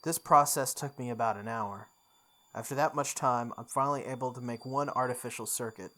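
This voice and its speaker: With game music running underneath, this playthrough host delivers visual novel narration with dramatic flair. The mid-range voice is bright and forceful and moves a little fast.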